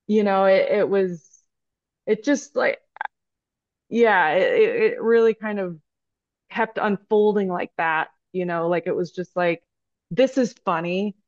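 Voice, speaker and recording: Woman, low gravelly voice, casual rambling interview talk, dry dull lo-fi recording. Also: no echo. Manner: rambling, many "like" fillers and restarts. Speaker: guest, stop motion animator. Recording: dry, dull lo-fi podcast audio.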